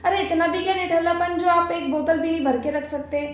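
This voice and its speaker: In an echoey room, a woman acts the part of a domineering married sister-in-law who grumbles and hands out orders in a homemade family skit. Her very high-pitched voice stays steady in tone and runs a little fast.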